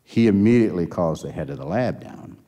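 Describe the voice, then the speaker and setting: Interviewed about his working life, an older man shares stories in a rambling way, frequently starting over. His voice sits low and sounds warm and animated, moving a little fast. Long hall reverb surrounds the recording.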